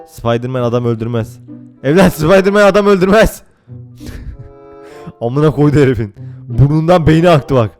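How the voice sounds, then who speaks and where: A young man giving casual, excitable gameplay commentary, swearing and laughing often. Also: medium pitch. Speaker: gaming YouTuber.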